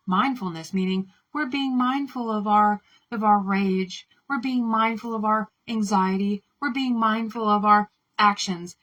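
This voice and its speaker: A woman's voice: a little high, pushed and bright, poor audio. Fiery woman giving a spiritual pep talk. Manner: fiery, swearing, chant-like repetition. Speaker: spiritual speaker. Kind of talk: impassioned spoken monologue.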